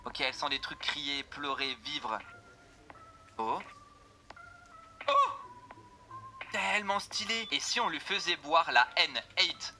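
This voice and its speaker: A young man giving casual, excitable gameplay commentary, joking with his viewers. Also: fairly high pitch, measured pace, noisy background. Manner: excitable, jokey, addresses viewers as "les gars". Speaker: gaming video creator.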